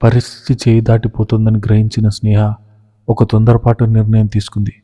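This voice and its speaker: A man telling a dramatic story in measured, scripted narration. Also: fairly low pitch, monotone, mellow. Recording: reverberant, dull lo-fi recording.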